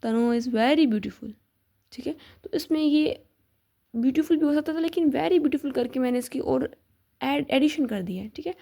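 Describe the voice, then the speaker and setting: Young female tutor, slightly high, gravelly voice, patient and repetitive delivery. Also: mellow. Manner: patient, repeats examples, spells words out slowly. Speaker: teacher sharing study notes. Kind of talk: casual explanatory lesson.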